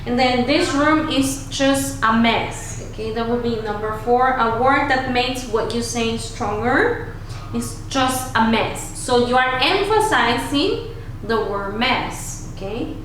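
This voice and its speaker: Slow-talking woman teaching in an echoey room. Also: fairly high pitch, fairly bright tone. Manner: switches between English and Spanish, frequent "okay?" checks. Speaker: English teacher. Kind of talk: online grammar lesson. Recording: very echoey room with faint ambient noise.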